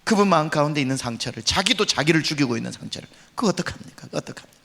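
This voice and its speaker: Lively preaching Korean pastor. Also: male voice, fairly high pitch, racing, creaky, big-room sound. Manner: dramatic storytelling, acts out quoted voices. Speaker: senior pastor. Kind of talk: revival sermon. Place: church revival meeting.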